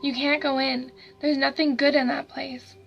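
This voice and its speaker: A woman's voice: high voice, little pitch movement, moderate pace, creaky, muffled recording, soft background music. A woman voicing a frightened young boy who whimpers and pleads with his brother. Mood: pleading.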